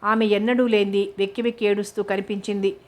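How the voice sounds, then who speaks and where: A woman narrating a novel as an audiobook, reading in a steady, measured way. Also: mid-range voice.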